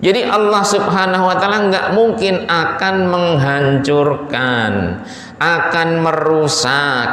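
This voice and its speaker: A man teaches Quran commentary to a mosque congregation in a loose, conversational way, stretching out words as he lists them one by one. His voice rings through a big reverberant hall with a long tail. A faint hum sits under the speech. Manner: colloquial, animated, acts out Satan's pleading in a high voice, slows to list items. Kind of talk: casual mosque sermon.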